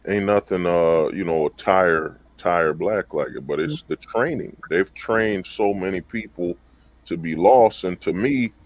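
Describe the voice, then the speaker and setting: Deep dry-voiced man ranting emphatically. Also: measured pace, no room sound, lo-fi sound. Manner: emphatic, slangy, rhetorical questions. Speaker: panel guest on livestream. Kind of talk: casual debate talk.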